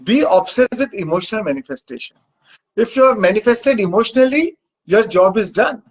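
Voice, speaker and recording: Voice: medium pitch, lively intonation, brisk, breathy edge. A spiritual coach with an Indian accent, teaching in an emphatic, repetitive way with rhetorical questions.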